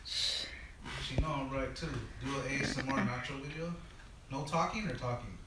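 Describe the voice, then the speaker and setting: A man's voice: mid-range voice, moderate pace, roomy sound, noisy background. A man bantering crudely and boastfully with his girlfriend during a casual eating video. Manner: profane, teasing, boastful. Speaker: boyfriend co-host.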